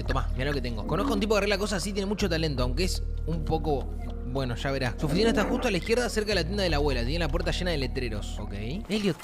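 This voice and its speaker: A man with a Rioplatense accent streaming a video game, chatting casually, swearing freely and reading the game's text aloud. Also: fairly high pitch. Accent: Rioplatense Spanish. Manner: excitable, swears freely, slangy. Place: home streaming setup. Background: game music.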